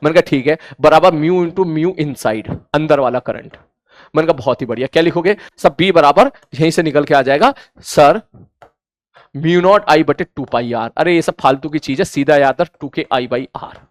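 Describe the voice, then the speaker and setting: A man's voice: on the high side, moderate pace, dry recording, studio quality. A man teaching a physics class, acting out back-and-forth dialogue with imagined students in a conversational way. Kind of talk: classroom lecture.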